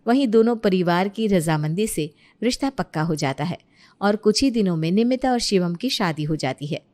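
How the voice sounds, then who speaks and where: A woman's voice: mid-range voice, lively intonation, moderate pace, darkish tone. A woman narrating a family story in a storybook style.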